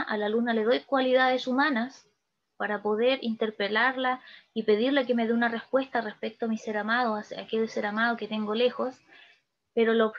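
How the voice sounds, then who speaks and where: A woman teacher with a Chilean accent explains poetry terms and keeps checking that her class follows along. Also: on the high side. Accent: Chilean Spanish. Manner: checks in often with "¿ya?" and "¿se fijan?". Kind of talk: spoken literature lesson. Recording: dull lo-fi sound.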